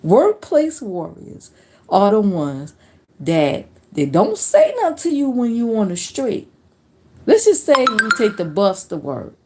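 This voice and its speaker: A woman's voice: medium pitch, a little slow, poor audio. A middle-aged woman streamer telling stories in a blunt, profane, fired-up casual rant. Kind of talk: casual ranting chat. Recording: steady background noise.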